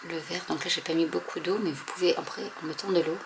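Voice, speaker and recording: A woman casually showing and testing inks, hesitating often with many fillers and often trailing off softly. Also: fairly low pitch, steady tone, fast talker, gravelly, noisy background. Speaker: craft video host. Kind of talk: casual product demo.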